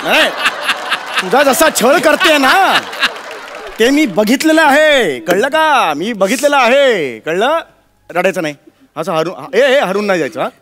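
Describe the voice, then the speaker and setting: A man's voice: very high voice, big pitch swings, unhurried, background noise, heavily acted. An actor playing a fussy old father who teases his grown daughter in a stage comedy sketch. He repeats himself over and over. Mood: teasing. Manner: repetitive, teasing, fussing with many "ha, ha".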